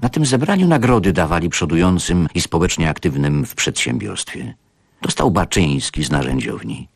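A man narrating a literary story on radio in a measured, expressive manner, over background music. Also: low-pitched, creaky. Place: radio studio.

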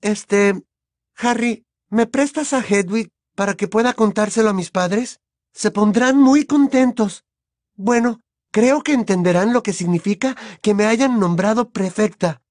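A man voicing a clever, bossy teenage witch girl with a brisk, prim manner. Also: high-pitched, darkish tone, dry recording, clean studio sound, pitched above the performer's own voice. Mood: eager.

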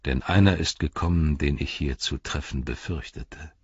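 A man voicing a grave, weary old wizard in an audiobook, speaking low and measured. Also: breathy edge, no echo, full character voice. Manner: low, grave and measured, dropping to near-whisper. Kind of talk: audiobook character reading. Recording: dull, slightly lo-fi dry recording.

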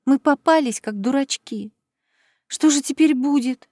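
A woman's voice: high voice, a little slow, warm tone, no echo, studio quality, voice pushed up. A woman doing a fretful young friend. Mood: anxious. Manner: anxious, chiding.

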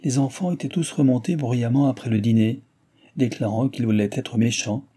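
A man reading a classic novel aloud as an audiobook narrator, in a measured, steady, literary way. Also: medium pitch, slightly rough.

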